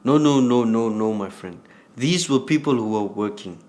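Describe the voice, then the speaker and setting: Man playing an earnest friend, reassuring, middle-pitched voice. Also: lively intonation, moderate pace, a little mellow, close to an everyday voice. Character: steady male friend consoling and advising. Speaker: supportive friend.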